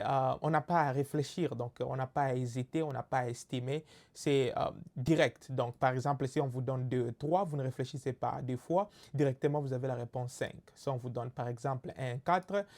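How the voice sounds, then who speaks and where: A man's voice: mid-range voice, a little mellow. A man with a Congolese French accent giving a recorded lesson, explaining step by step with frequent fillers and checks for understanding. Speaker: teacher. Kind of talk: recorded lecture.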